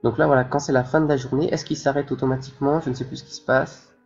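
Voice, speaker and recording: A man narrates his game session as a let's play, talking his choices through with frequent pauses and fillers. His voice sits at a middle pitch. The sound is slightly dull and lo-fi, with soft game music underneath. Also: flat delivery, vocal fry, slightly rough. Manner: thinking aloud, hesitant, many fillers. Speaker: gaming channel host.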